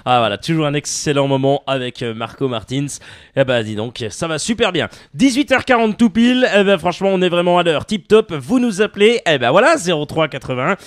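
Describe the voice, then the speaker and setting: A man's voice: on the high side, expressive, a little fast, dry recording. A male radio host leading a live sports talk show in a studio, playful and exclamatory, with lots of fillers.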